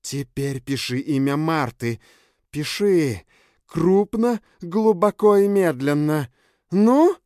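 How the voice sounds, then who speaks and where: A man's voice: mid-range voice, sing-song, moderate pace, a little mellow, dry recording, studio quality, voice pushed up, lightly acted. A cruel, vengeful woman barks orders and gloats, as a male reader puts her on in a raised, swinging voice. She is menacing and domineering in this storybook reading. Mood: commanding.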